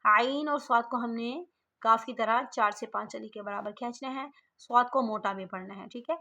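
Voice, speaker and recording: Female religious teacher, bright, slightly high voice; patient, slow demonstrations of letter sounds. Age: middle-aged. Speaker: online Quran reading teacher. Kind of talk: slow step-by-step recitation lesson.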